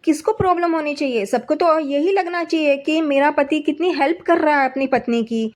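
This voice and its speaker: A woman's voice: high voice, a little fast, voice pushed up, close to an everyday voice. A woman voicing a spoiled young wife in a breezy, dismissive way.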